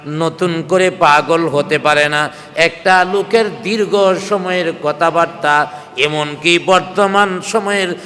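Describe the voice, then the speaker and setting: A man preaching a sermon on scripture, impassioned, swinging between loud cries and low, half-sung phrases, with speech. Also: slow pace, big-room sound. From Bangladesh. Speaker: Islamic preacher. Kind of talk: sermon, Quran commentary.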